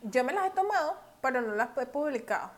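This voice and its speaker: A woman, co-hosting a casual podcast chat and swinging from soft-spoken to loud and dramatic. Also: high-pitched, sing-song, quick pace, a loud crowd. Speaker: podcast co-host.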